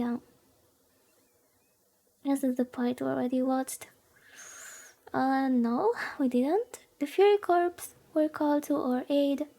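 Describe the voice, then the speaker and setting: A woman with a high, warm voice reads a visual novel aloud on a casual livestream. She keeps it informal, often adding playfully exasperated commentary.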